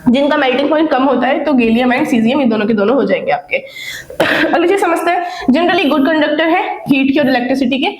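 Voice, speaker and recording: A young woman teacher giving a brisk, exam-focused classroom lecture, often checking in with her students, while coughing from a slight cold. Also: high-pitched, echoey room, poor audio. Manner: brisk, addresses students as beta and bhai, checks with "theek hai?".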